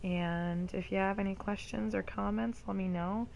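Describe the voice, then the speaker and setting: A woman hosting a casual gameplay video, chatty and rambling with bursts of excitement, still a bit rough-voiced from a cough. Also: mid-range voice, normal speed, muffled recording, a little hiss or hum.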